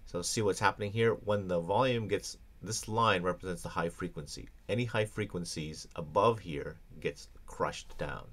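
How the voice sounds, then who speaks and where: A man's voice: deep voice, normal speed, hardly any pauses, a bit bright. A man teaching audio editing in a screencast tutorial, explaining in a casual way with many ums and restarts. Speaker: audio production instructor.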